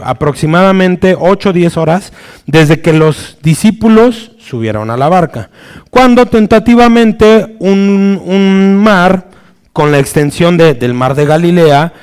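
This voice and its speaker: A man delivers a sermon in a somewhat high voice at a slow, deliberate pace. He hunts for his words with small restarts and keeps checking in with his listeners. When he quotes the story he shifts sharply in pitch and loudness. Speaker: preacher.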